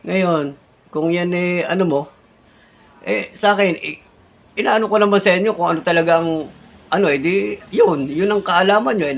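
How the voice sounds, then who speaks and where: A man vlogger talking casually to his viewers, defensive and repetitive, tagging his sentences with quick questions and polite markers. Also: a little high. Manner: defensive, repeats himself, tags lines with "no?" and "di ba?"; polite, uses the respectful "po" often. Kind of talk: casual vlog talk to viewers.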